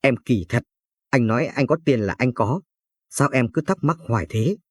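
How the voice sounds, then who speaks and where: A man's voice: medium pitch, expressive, moderate pace, slightly rough, dry recording, clean studio sound. A man voicing a curt, irritable young husband in a spoken story. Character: young husband, touchy and money-hungry.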